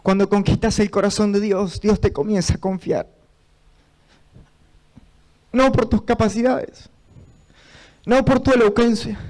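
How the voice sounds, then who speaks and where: An Argentine pastor preaches a sermon in church, telling stories with fervent passion that builds into shouting. His voice is high-pitched, and the recording is rough.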